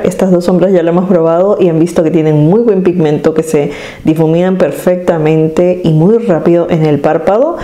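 A woman speaks in a soft, mellow voice that sits a little low for a woman. She chats casually to her viewers from home while doing her makeup, steadily describing each step as she goes. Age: adult. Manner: chatty, demonstrative, addresses viewers directly. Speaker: beauty vlogger.

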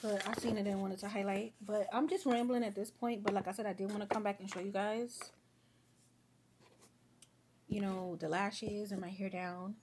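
Speaking over a noisy background, this young woman has a mid-range voice with a steady tone and a moderate pace. She's a beauty vlogger chatting casually while getting ready at home, rambling and chatty, addressing viewers as "y'all" and "girl," and a bit sniffly thanks to a sore throat.

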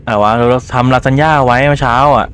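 A man's voice: medium pitch, steady tone, quick pace, a bit bright, smooth. Thai man with a cold, gaming. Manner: chatty, swears casually, reads game dialogue aloud in his own voice. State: has a cold, phlegmy throat. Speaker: gaming YouTuber. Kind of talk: casual let's-play commentary.

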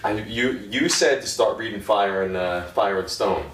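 A man's voice: fairly low pitch, normal speed, fairly bright tone, recorded from a distance. A man with a mid-range voice who argues his points with emphatic, profane bursts. He sits away from the mic in an echoey room with faint noise behind him. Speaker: podcast panelist. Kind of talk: casual roundtable chat.

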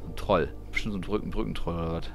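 Game music plays behind a male streamer who chats and grumbles as he thinks aloud during casual live gameplay commentary. He talks very fast in a low, creaky voice with fairly even intonation.

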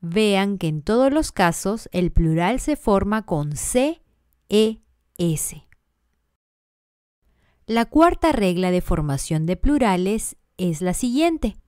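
A woman gives a grammar lesson at an unhurried, measured pace, listing examples one by one. Her voice is smooth and resonant, recorded close and dry with no room sound. Her pitch sits in a middle range. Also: very animated, a little mellow, no room sound. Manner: deliberate, spells out letters and lists examples one by one. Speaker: teacher. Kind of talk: slow scripted grammar lesson.

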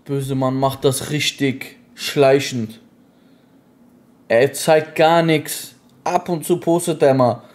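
A man's voice: mid-range voice, steady tone, slow, darkish tone. A man giving opinionated fight commentary in casual, slangy chat.

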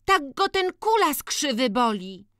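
A fretful young village girl speaks in a very high, plaintive voice with rustic dialect, as the audiobook's reader puts her on. The sound is dry and close. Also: big pitch swings, a little slow, pushed and bright, no echo, exaggerated voice. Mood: whiny worried.

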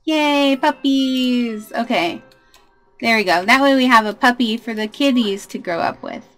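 A woman's voice: fairly high pitch, expressive, normal speed, a bit bright, soft background music. A young woman hosting a life-sim let's play, chatting casually and talking to her game characters in a bubbly way. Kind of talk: casual gameplay commentary.

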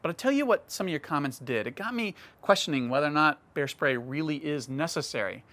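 A man's voice: on the high side, expressive, brisk, pushed and bright. A man, an outdoors vlogger, telling a hiking story and talking straight to his viewers in a casual way. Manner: conversational, addresses viewers directly.

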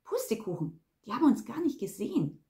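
A woman voicing an irritable female police detective who speaks in a sharp, sarcastic way. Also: on the high side, sing-song, fairly quick.

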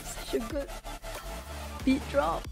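In her twenties, a livestreamer chats casually with viewers during a gaming stream, greeting them and using lots of fillers. Her slightly hoarse voice is slow, picked up by a desk mic in front of her in a small room, with music playing behind.

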